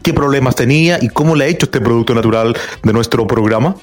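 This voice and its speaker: Chilean radio guy asking a caller testimonial questions, mid-pitched male voice. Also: fast talker. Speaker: radio interviewer. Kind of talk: interviewing a caller for a product testimonial.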